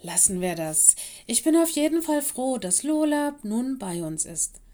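A woman voicing a caring, busy fox headmistress and mother in a children's audiobook, brisk and motherly. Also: high voice, very animated, dark tone, pitched above the performer's own voice. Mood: chatty. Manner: brisk and motherly, stern with helpers.

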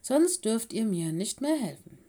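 Madame Kitty, a woman doing a brisk fox headmistress. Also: fairly high pitch, big pitch swings, warm tone. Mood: stern. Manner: brisk and motherly, stern with helpers. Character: caring, busy female fox school headmistress and mother. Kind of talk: children's audiobook voicing.

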